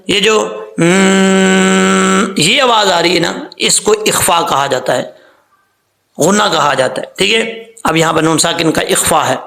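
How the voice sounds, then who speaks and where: Male recitation teacher, somewhat high, gravelly, bright tone; patient step-by-step explainer. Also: animated. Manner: explains slowly, drawing out recited words as examples. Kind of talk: tajweed lesson.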